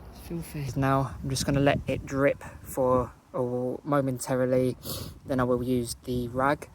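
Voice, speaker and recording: Flat-voiced Essex man, noisy outdoors. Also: mid-range voice, moderate pace. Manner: relaxed, rambling, with fillers and self-corrections. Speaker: motorcycle vlogger. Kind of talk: casual how-to narration. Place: outdoors beside a parked motorcycle.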